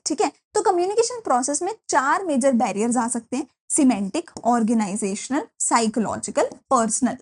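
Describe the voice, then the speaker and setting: A young woman teaching a class in a lively, chatty way, mixing in English phrases. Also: high voice, husky. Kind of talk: classroom lecture.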